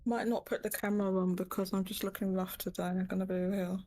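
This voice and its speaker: A woman's voice: mid-range voice, little pitch movement, quick pace, darkish tone. A woman chatting casually as a player at a tabletop game, self-deprecating.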